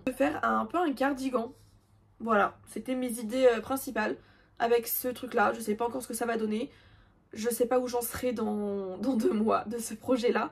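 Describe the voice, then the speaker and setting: A woman's voice: a little high, darkish tone, slightly rough. A young woman in casual chat, showing her crochet projects with self-mocking asides and many fillers. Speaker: crochet vlogger.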